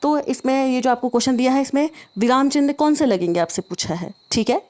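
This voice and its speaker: Lady teacher going through exam questions, fairly high voice, checks in a lot as she explains. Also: a little fast, darkish tone. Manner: explains step by step, keeps checking in. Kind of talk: exam prep lesson.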